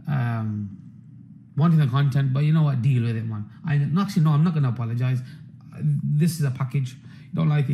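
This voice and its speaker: A man's voice: mid-range voice, creaky, dark tone, rough recording. A man giving an unscripted live trading session, blunt, profane and rambling, often breaking off to lecture his viewers combatively. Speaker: trading educator.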